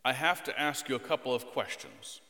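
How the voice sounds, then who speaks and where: A man leads a sermon and a children's talk, his voice swinging widely in pitch and sounding bright. He talks in an expressive, playful way. The recording carries the long reverb of a church sanctuary. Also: brisk. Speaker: pastor. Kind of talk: scripture reading and children's sermon.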